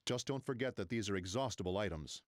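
An actor playing a stern, impatient military commander who gives clipped tutorial orders in a video game. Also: male voice, lowish voice, lively intonation, quick pace, natural voice. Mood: stern, instructive. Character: stern, impatient male military instructor briefing a trainee. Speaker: mission commander.

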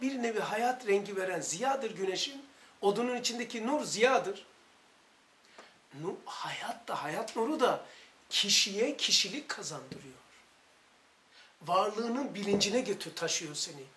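A man's voice: high voice, animated, measured pace, fairly bright tone. A man with a Turkish accent leading a religious study circle, talking with fervent, emphatic storytelling. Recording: echoey room recording.

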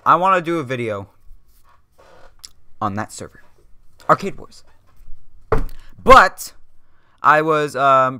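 A young man vlogging from a dark room at home into a desk mic, rambling, joking and correcting himself constantly. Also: mid-range voice, smooth, no room sound. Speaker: YouTuber. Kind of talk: rambling self-deprecating vlog.

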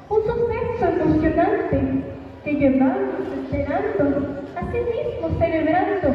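High-pitched teenage girl declaiming poetry grandly. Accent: Peruvian. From Peru. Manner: theatrical, emphatic, solemn delivery with drawn-out phrases. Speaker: student contestant in a declamation contest. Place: open concrete school courtyard. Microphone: handheld microphone through PA, recorded by far camera. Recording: distant, echoey, muffled, noisy school-yard PA.

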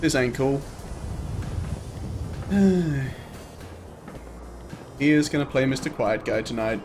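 A man's voice: mid-range voice, animated, slow, a little mellow, slight background noise. Chatty man streaming a game. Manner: chatty, joking, laughs often. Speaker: let's play streamer. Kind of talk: casual live-stream commentary.

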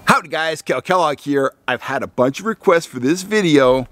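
A man's voice: on the high side, expressive, normal speed, fairly bright tone, a little hiss or hum. A middle-aged man hosting a fishing channel, explaining gear to the camera outdoors in a pine forest in a plainspoken, folksy, step-by-step way. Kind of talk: casual instructional talk to camera.

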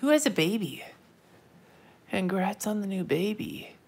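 Her mid-range voice is very animated yet unhurried, creaky and slightly rough, and congestion makes it nasal. She sits at a desk indoors decorating a planner on a livestream, chatting easily, mumbling to herself, answering viewers and letting out the occasional swear.

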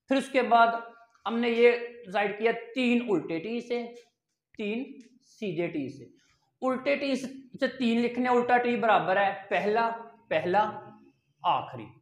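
A language teacher explains step by step, asking questions and then answering them. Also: medium pitch. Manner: counts and repeats items slowly. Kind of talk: step-by-step online language lesson. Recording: roomy echo.

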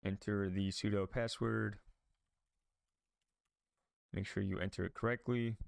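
Low, even-toned man walking through a tutorial. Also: measured pace, creaky, dry recording, clean studio sound. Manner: casual, thinking aloud with frequent ums and restarts. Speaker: tech tutorial host. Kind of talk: screen-recorded software tutorial.

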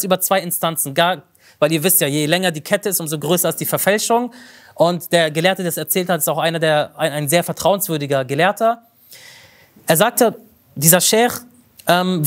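High-voiced man telling a religious story. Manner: vivid storyteller who explains terms as he goes. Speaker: religious lecturer.

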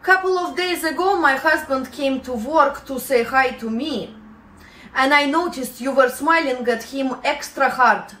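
A woman voicing a cold, menacing Russian woman boss who fires an employee with a flat, threatening delivery, in an echoey room. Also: high voice, a little slow, pitched below the performer's own voice. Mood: coldly menacing. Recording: roomy echo.

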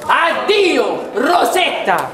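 Actor doing a huffy young suitor, high slow voice, echoey hall w audience. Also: big pitch swings, heavy background noise, full character voice. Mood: indignant. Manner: indignant, declamatory. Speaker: stage actor. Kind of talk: amateur dialect stage comedy.

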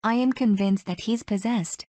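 A woman's voice: medium pitch, steady tone, normal speed, mellow, no echo, close to an everyday voice. A synthetic female voice playing a worried, serious cartoon mother with stilted delivery. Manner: stilted text-to-speech delivery. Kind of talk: animated cartoon dialogue.

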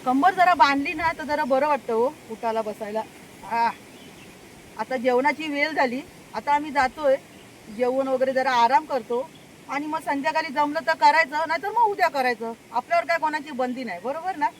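A woman's voice: high voice, normal speed, a little hiss or hum, poor audio. An older woman chatting casually to her viewers outdoors on a farm, talking to them often and laughing now and then. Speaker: farm vlogger. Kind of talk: casual vlog chat. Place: outdoors on a rural farm path.

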